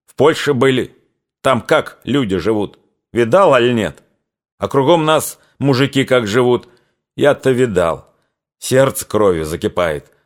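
A man's voice: medium pitch, lively intonation, unhurried, close to an everyday voice. A man voicing an earnest rustic Cossack soldier who speaks in folksy, impassioned phrases, in an audiobook reading.

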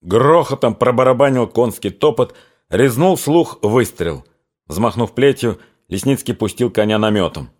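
A man narrating a literary story in a measured, expressive audiobook reading. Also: lowish voice.

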